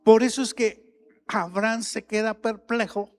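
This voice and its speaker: A man preaching a sermon as pastor, emphatic and growing louder on key points. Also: sits high, fairly even intonation, unhurried, faint music behind. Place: church sanctuary. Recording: long reverb of a large hall.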